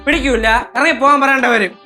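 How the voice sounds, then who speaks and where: An actor playing a boastful, stubborn young husband in a TV sitcom, argumentative in manner. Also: male voice, quick pace, faint music behind, exaggerated voice. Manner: boastful, argumentative, lively swings of pitch. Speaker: sitcom character. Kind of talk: TV sitcom acting.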